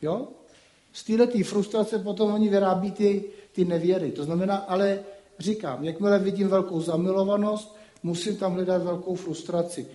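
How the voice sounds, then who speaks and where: A man's voice: sits high, steady tone, mellow. Guy giving a laid-back lecture, chatty asides everywhere, roomy echo. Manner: colloquial, peppered with rhetorical asides. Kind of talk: casual spoken lecture.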